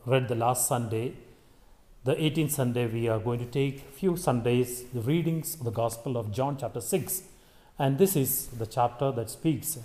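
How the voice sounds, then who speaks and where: A priest leading Mass, reading the gospel and preaching a homily in a slow, solemn way, his voice ringing with a long cathedral echo. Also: mid-range voice, dark tone. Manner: measured, solemn delivery with pauses. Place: large church.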